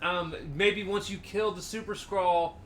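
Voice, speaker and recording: A man co-hosting a podcast in casual chat, telling stories with animated acted-out quotes. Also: sits high, unhurried, slight background noise. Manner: animated storytelling, acts out quotes. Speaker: podcast co-host.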